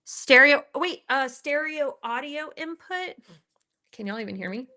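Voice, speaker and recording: This is a woman hosting a live reaction stream from home, speaking into her laptop's built-in microphone. Her voice is bright and sits a little high, and she stays chatty and giggly, talking to her viewers as if they were old friends. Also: lively intonation, normal speed. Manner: chatty, giggly, talks to her viewers while fixing her audio. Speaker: livestream host reacting to videos. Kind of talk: casual live-stream chat.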